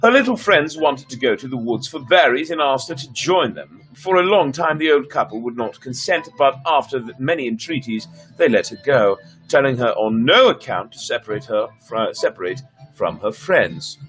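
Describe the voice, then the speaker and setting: With music playing behind him, a man does dramatic read-alouds of stories on a casual livestream, hamming it up and sharing playful asides with viewers as a storyteller streamer. He speaks at a medium pitch and moderate pace, animated and fairly bright in tone, over poor audio.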